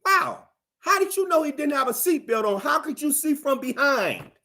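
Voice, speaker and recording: A man giving animated, emphatic commentary and answering viewers, driving his points home with repeated phrases. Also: very high-pitched, moderate pace. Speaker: commentator on a livestream.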